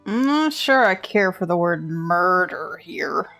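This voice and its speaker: A woman voicing a cool, formal young male prosecutor in a game playthrough, speaking in a measured way. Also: fairly low pitch, animated, fairly bright tone, faint music behind, exaggerated voice.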